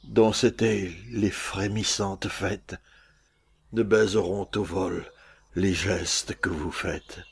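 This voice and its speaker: A man playing Cyrano, a proud, aging swordsman-poet who is dying and secretly in love, reading verse in a solemn, measured way with a husky, gravelly voice. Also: low-pitched, fairly even intonation, exaggerated voice. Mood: tender. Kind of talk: stage play reading.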